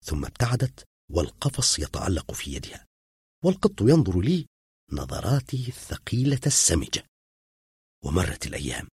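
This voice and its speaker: A man narrates a story aloud with an expressive, dramatic delivery. His husky voice swings widely in pitch, and the sound is dry and close to the mic. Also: moderate pace, pauses often, no echo. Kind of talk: audiobook reading.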